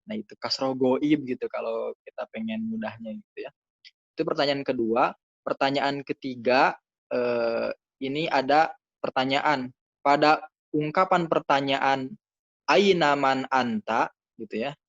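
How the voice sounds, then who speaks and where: A man walks through grammar answers at a middling pitch, patient and chatty, leaning on little fillers as he explains. The sound is dull and dry, close and without room echo. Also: fairly even intonation, unhurried, creaky. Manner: patient, casual, many fillers and "gitu ya". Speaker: Arabic grammar teacher.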